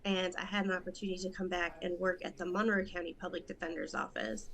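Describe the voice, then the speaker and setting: In a casual interview, a judicial candidate in her thirties from Rochester, New York, talks earnestly and in detail, getting quick in stretches. Her voice is lowish, with a level and fairly bright tone.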